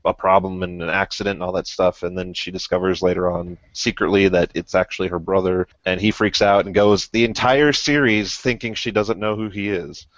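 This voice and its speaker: A young man in casual podcast chat, rambling with excited speculation. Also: deep voice, brisk, hardly any pauses, no room sound. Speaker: podcast panelist. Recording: dull lo-fi, dry audio.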